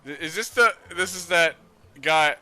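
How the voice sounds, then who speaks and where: A man doing casual live game commentary as a streamer, animated and quick to laugh. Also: on the high side. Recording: game music behind the voice.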